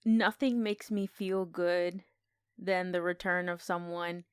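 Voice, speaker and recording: A woman co-hosts a podcast, chatting casually about films and retelling things with enthusiastic expression. Her voice is fairly low and steady, and she speaks slowly with a clean tone. The recording is dry, with clean studio sound.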